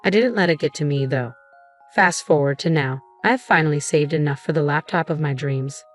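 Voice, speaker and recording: A young adult woman narrating a dramatic first-person story in a steady storytelling manner. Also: sits low, normal speed. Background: faint background music.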